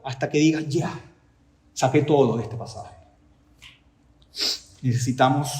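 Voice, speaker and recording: A man's voice: fairly high pitch, darkish tone. Emphatic preaching man, echoey room. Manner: emphatic preaching with repeated rhetorical questions. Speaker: pastor. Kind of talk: sermon.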